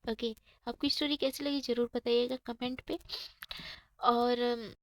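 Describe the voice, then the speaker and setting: A woman's voice: on the high side, little pitch movement, measured pace, dry recording. A woman with a cold narrating a school love story in a chatty, casual way, mixing in English words and talking to her viewers. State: has a cold. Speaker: storyteller and channel host.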